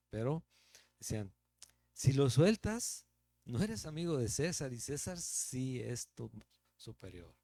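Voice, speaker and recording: A pastor with a Mexican Spanish accent teaches the Bible verse by verse, preaching conversationally and posing rhetorical questions. His voice is medium-pitched and dark in tone, with no room sound.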